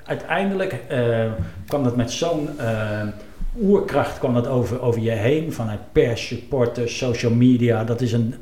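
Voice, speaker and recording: A former club executive talks in conversation with a mid-range, dark-toned voice, a little slow. He's reflective and hesitant, full of fillers and questions to himself, recorded in a roomy space with faint ambience.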